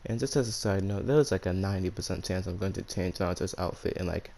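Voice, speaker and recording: A man's voice: low voice, fast talker, vocal fry, dark tone. A man with a speech impediment that turns his R's into W's, hosting and narrating fan fiction in a casual, slangy way. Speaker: YouTube storyteller and channel host.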